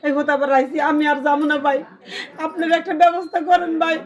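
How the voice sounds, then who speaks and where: A young woman, telling her story in a street interview, loud and demanding at times. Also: high voice, steady tone, fast. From Sirajganj, Bangladesh. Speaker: complainant.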